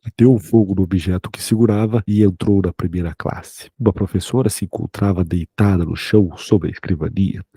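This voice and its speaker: Man reading a horror story, very dark husky voice, dry close sound. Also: sits low, steady tone, fairly quick, few pauses, no room sound. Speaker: narrator. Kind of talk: scripted horror narration.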